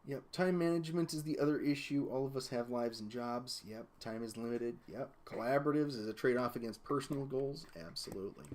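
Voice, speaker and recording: A man's voice: fairly even intonation, brisk, few pauses, darkish tone. A man streaming a game from home, chatting casually in a rambling way and reading viewer comments aloud. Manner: rambling, reads chat aloud, talks to baby in a high voice. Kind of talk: casual live-stream chat while gaming. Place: home, baby in lap. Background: keyboard clicks and typing.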